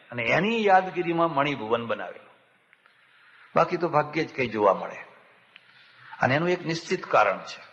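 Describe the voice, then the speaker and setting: Gujarati swami telling stories in a hall. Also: male voice, mid-range voice. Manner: animated storyteller who acts out the villagers in dialogue. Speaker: swami giving a discourse. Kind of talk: storytelling spiritual discourse. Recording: dull, lo-fi, with long hall reverb.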